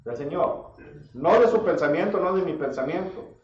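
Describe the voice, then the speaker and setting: A high-pitched man delivers a sermon at normal speed, expressive and throwing rhetorical questions at his congregation while calling listeners "brother." He sounds far from the mic in a roomy church hall, on a dull, echoey recording with faint hiss.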